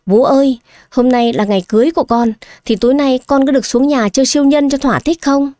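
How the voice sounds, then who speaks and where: A woman's voice: high voice, fast, dark tone, no echo, pitched above the performer's own voice, close to an everyday voice. A woman voicing a simple-minded grown man who talks like an eager, clingy child, in an audio story. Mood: childlike eager. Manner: childish pleading tone.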